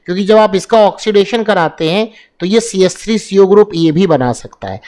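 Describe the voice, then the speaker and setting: Hindi-speaking man teaching chemistry, high voice. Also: lively intonation, fairly quick, a little mellow. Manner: asks and answers his own questions, repeating key terms. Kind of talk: exam-prep lesson explaining reactions.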